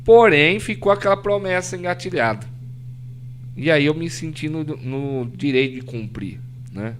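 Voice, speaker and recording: A man's voice: on the high side, lively intonation, moderate pace, a little hiss or hum. A Brazilian man from the São Paulo interior, a podcast guest telling a faith story earnestly, often tagging "né?" and acting out what others said. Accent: Brazilian Portuguese, São Paulo interior. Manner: earnest storytelling, frequent "né?", acts out quoted voices. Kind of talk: emotional testimony in casual chat.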